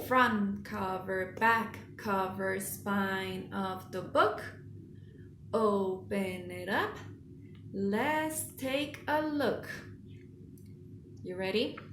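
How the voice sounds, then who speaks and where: A woman's voice: mid-range voice, reverberant, slight background noise. A preschool teacher, a woman, reading a picture book aloud and asking the children encouraging questions.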